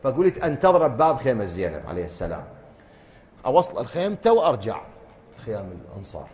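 A man's voice: medium pitch, big pitch swings, fast talker, darkish tone. A man with an Iraqi accent preaching a mourning sermon, telling the story dramatically and rising into chanted recitation. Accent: Iraqi Arabic. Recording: echoey room.

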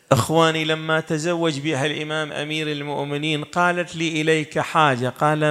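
A man preaching a mourning sermon, speaking and chanting slowly as a preacher, with a lamenting tone that rises into cries. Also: medium pitch, a bit bright. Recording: long hall reverb, faint music.

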